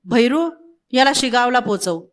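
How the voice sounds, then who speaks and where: A woman's voice: on the high side, lively intonation, unhurried. A woman reading the part of a stern village elder giving a warning.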